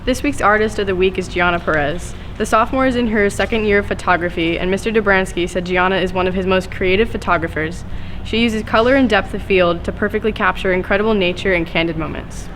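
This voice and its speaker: Teen female student reporter, brisk delivery of scripted school news, faint outdoor noise behind. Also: mid-range voice, a bit bright. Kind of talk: scripted narration for school announcements.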